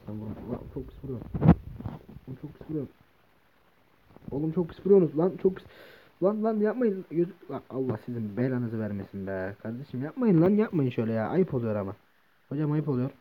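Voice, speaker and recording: A man's voice: medium pitch, very animated, fairly quick, narrow, tinny audio. A man giving casual let's play commentary, swearing and talking back to the monsters attacking him and chatting to his viewers. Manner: talks to the game mobs and to viewers as "gençler". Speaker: gaming video host.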